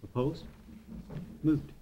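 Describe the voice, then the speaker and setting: A man's voice: very slow, echoey room, dull audio, noisy background. A man chairing a village board meeting, speaking in a procedural way. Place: indoor village hall meeting room.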